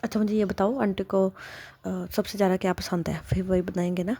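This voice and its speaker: A woman narrator doing a caring young woman, gentle and practical. Her voice stays in a middle register, calm and plain, as in a told story. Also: medium pitch, fairly quick, slightly rough.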